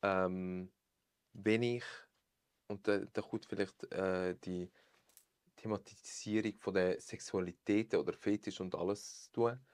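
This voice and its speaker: A young man with a Swiss German accent talks as a podcast guest in a low-pitched voice, animated and sprinkling English phrases into his speech. The sound is dry and close, with no room around it. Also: measured pace, no room sound. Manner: expressive, mixes English phrases, laughs often. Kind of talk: casual chat.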